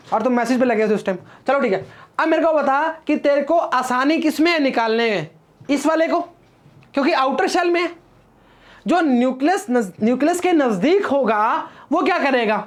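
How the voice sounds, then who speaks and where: Lecturing on physics in a relaxed classroom, this man talks straight to his students, teases them and wanders off into playful rhymes. His very high voice carries lively intonation at a moderate pace.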